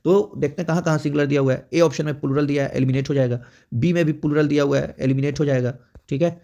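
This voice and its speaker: A man's voice: a little high, steady tone, fast, vocal fry, warm tone. A man teaching an exam prep grammar lesson, explaining step by step and checking in often. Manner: explains step by step with frequent "theek hai" check-ins.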